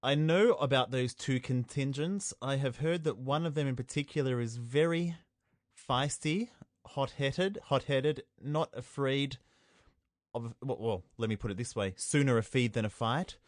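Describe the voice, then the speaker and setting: A man's voice: medium pitch, measured pace, no room sound, clean studio sound. A man co-hosting a podcast over a call, playful and theatrical, sometimes slipping into a mock-sinister tone. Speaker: podcast co-host. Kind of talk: casual comedic chat. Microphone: remote call.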